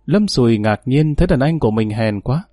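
A man narrating a story audiobook in a steady, even storytelling manner. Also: mid-range voice, brisk, dry recording, studio quality, faint music behind.

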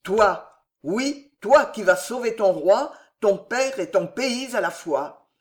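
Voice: mid-range voice, animated, slow pace. A reader voicing a stern old male army commander who gives orders and thunders with wrath, in an audiobook reading. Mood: commanding. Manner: commanding, thundering when angered.

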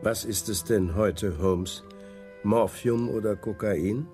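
An actor playing a courteous, war-weary and caring Victorian doctor in a radio drama, husky, polite and a little hesitant. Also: male voice, on the low side, slow pace, dark tone, faint music behind. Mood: weary, wry. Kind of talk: German radio crime drama acting.

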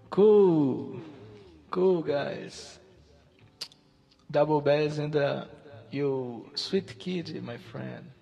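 A gravelly man in his 30s whose first language is Portuguese chats casually with an online stranger, his voice a little high and warm. He speaks haltingly, searching for English words.

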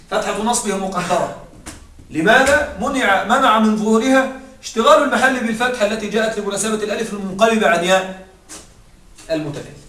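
Man teacher, high voice, patient step-by-step explaining, roomy echo, mic set back from him. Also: a bit bright. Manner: explains step by step, often checks understanding; slows down to dictate parsing phrases. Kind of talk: Arabic grammar lesson. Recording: echoey room, distant mic, faint noise.

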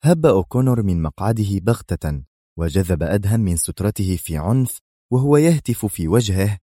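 A man narrating a spy thriller audiobook in a measured, dramatic way. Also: on the low side, animated, warm tone, breathy edge, no echo, studio quality.

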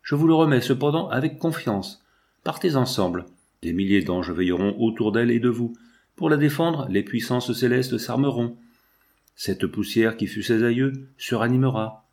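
A tender old father blesses his departing child, solemn and grieving, as a man reads him in his own voice. The audiobook reading keeps a measured, earnest tone. His words lean on benediction and pleading. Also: medium pitch, animated, darkish tone, lightly acted.

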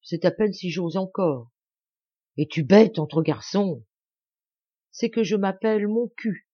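A woman's voice: medium pitch, normal speed, lo-fi sound, voice pushed up, lightly acted. A woman voicing a ragged, cheeky sixteen-year-old farmhand who speaks plaintively with a mocking edge. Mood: bashful.

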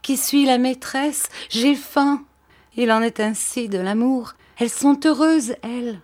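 A woman voicing a dying noblewoman in an audiobook, feverish and childlike, pleading in a breathless, high voice. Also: unhurried, darkish tone, no echo, lightly acted. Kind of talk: audiobook character voice.

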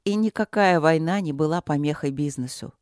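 A woman giving steady, scripted narration of an audiobook. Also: sits low, fairly quick, no echo, clean studio sound.

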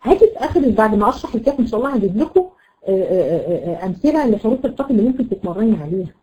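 A woman with an Egyptian accent teaching a Quran recitation lesson, explaining patiently, repeating words and checking understanding with quick questions. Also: medium pitch, big pitch swings, dark tone, highs cut off. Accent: Egyptian Arabic. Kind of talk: classroom lesson.

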